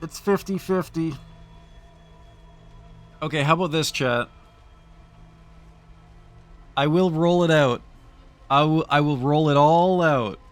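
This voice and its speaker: With a fairly high pitch, an unhurried pace, and frequent pauses, a man narrates his gameplay stream. The commentary is light and playful as he theatrically talks choices over with his chat.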